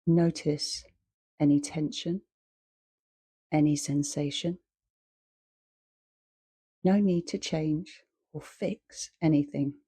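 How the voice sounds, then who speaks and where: Leading a guided meditation, a female teacher talks in a low, slightly breathy voice. Her phrases are short and measured, delivered calmly with long pauses between them.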